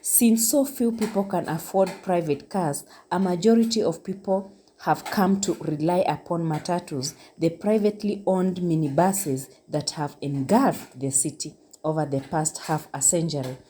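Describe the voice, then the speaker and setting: A woman reading a scripted narration in a measured, formal way. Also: on the low side, dark tone, slight background noise. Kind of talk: scripted narration, read aloud.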